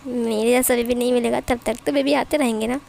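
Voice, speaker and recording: A man's voice: extremely high pitch, steady tone, creaky, darkish tone, slight background noise, exaggerated voice. A woman doing a scolding exasperated young father. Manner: scolding, quick and blustery.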